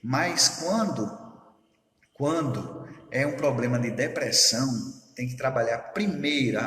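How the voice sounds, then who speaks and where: Earnest pastor in echoey hall. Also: male voice, medium pitch, a bit bright. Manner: earnest, repeats "tá certo?" to check listeners. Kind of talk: preaching sermon.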